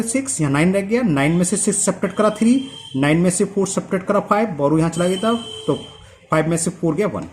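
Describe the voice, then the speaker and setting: A man teaching maths, his fairly high voice rising and falling as he works each sum aloud. He checks his own steps and asks the class if it's clear. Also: slight background noise. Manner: talks through sums aloud, checks himself, asks "clear?". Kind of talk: step-by-step maths tutorial.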